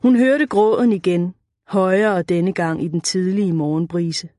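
A woman's voice: lowish voice, warm tone, dry recording. Dry, close woman narrating an audiobook.

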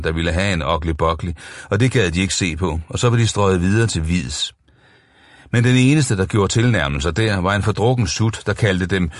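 A man narrating a novel as an audiobook, in steady, even storytelling. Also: low-pitched, dry recording, studio quality.

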